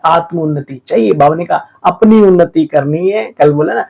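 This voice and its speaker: A man giving a lively spiritual sermon, exhorting his listeners and often calling them sweet children. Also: a little high, normal speed, gravelly, low-quality recording. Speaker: spiritual teacher explaining the daily murli.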